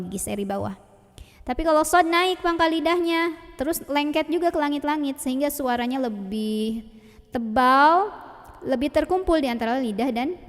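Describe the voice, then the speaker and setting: A woman teaching Quran recitation, patiently modeling and repeating each Arabic sound slowly. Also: a little high, in a large hall. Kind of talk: tajwid pronunciation lesson.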